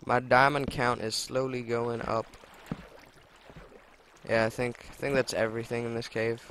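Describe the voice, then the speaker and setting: A man's voice: mid-range voice, level tone, normal speed, fairly bright tone, slight background noise. A young man casually commenting as he plays a game, chatty and prone to swearing and exclamations at what he finds. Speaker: let's play gamer.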